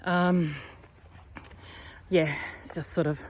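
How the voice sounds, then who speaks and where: Out of breath and sighing as she heads uphill, a young woman talks casually to her phone camera on a hiking trail. Her voice is lowish and chesty from a cold, her intonation fairly even, and she takes things slowly and chattily while walking with the phone in hand.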